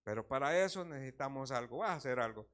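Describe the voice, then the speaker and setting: A man doing a calm old pastor giving advice. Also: mid-range voice, fast talker, close to an everyday voice. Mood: advising. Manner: calm, instructive. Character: gentle older male pastor giving advice.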